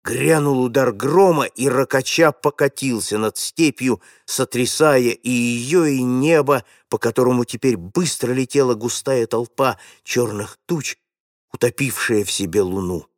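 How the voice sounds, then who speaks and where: A man narrating a classic story in a measured, dramatic way. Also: medium pitch, dry recording, clean studio sound. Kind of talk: audiobook reading of a classic story.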